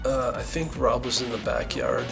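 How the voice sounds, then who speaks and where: A man's voice: mid-range voice, moderate pace, vocal fry, low-quality recording. A middle-aged man casually telling a band story, rambling and swearing a lot with many restarts. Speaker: band member recalling the band's origins. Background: music.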